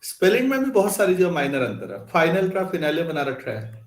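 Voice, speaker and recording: A man's voice: a little high, very animated, fairly quick. Male teacher lecturing in an echoey room. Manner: conversational, asks students questions. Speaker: math teacher. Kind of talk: classroom lecture. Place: classroom.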